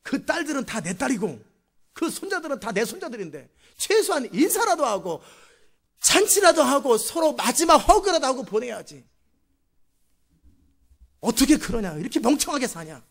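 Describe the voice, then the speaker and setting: A male preacher acting out an angry older father-in-law who scolds and then sets stern terms, loud and dramatic. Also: fairly high pitch, lively intonation, normal speed, lightly acted. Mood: indignant scolding. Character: angry old father-in-law confronting a runaway.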